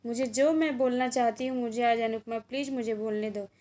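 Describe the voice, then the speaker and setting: A woman's voice: fairly high pitch, fairly even intonation, a little fast, mellow, close to an everyday voice. A woman voicing a remorseful grown woman who pleads for forgiveness and reproaches herself. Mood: pleading.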